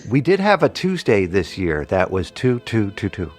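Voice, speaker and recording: A man's voice: fairly low pitch, sing-song, moderate pace, faint music behind. A man co-hosting a comedy podcast, joking and teasing his co-host in casual banter.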